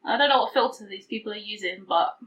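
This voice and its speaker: With a quick pace and a medium, slightly bright voice, a woman beauty vlogger talks casually to camera, rambling and making fun of herself. The slightly tinny recording was made at home in a hot room with the window open.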